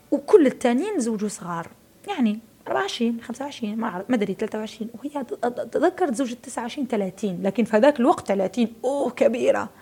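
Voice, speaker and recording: Woman, Algerian Arabic accent, 30s, interview guest, emphatic, rapid, warm and dark. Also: on the high side, slightly rough. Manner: emphatic, repeats words for stress. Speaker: guest, media personality. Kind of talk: casual interview talk.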